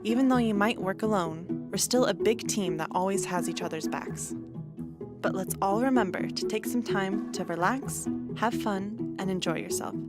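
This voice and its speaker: Woman, promo narrator, upbeat scripted read, loud music under. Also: mid-range voice, moderate pace. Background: loud background music.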